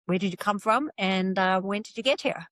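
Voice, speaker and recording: A woman's voice: medium pitch, normal speed, a bit bright, dry recording, studio quality. A woman hosting a podcast, chatting casually with a guest, laughing often and using lots of fillers. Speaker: podcast host. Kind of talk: casual interview chat.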